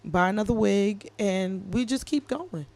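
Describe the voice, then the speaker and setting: A woman in her late thirties co-hosting a podcast, talking in a casual, animated, jokey and heartfelt way. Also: medium pitch, a little slow. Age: 30s. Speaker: podcast co-host. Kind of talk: casual chat.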